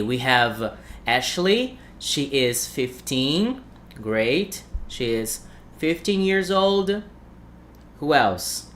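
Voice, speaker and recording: A man's voice: medium pitch, a bit bright. A man in his thirties from Brazil, with a Brazilian accent and Portuguese as his first language. He teaches an English lesson on a livestream, repeating phrases and asking the chat questions. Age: 30s.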